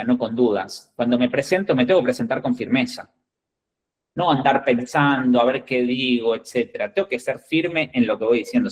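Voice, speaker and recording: Hombre argentino dando consejos firmes. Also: male voice, mid-range voice, rough recording. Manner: direct, emphatic, checks in with "¿bien?" and "¿ok?". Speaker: executive recruiter. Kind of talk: instructive talk to job candidates.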